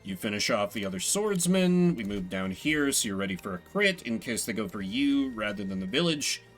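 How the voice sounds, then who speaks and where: A man's voice: on the low side, big pitch swings, normal speed, soft background music. A man streaming a strategy game, musing aloud as he talks himself through his decisions. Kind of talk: live strategy game commentary, thinking aloud.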